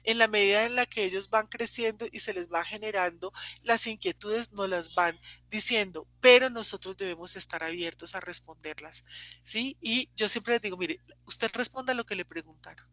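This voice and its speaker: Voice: mid-range voice, moderate pace, pushed and bright, no room sound. A middle-aged psychologist, giving a talk to parents and explaining through stories and tag questions. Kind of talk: conference talk with anecdotes.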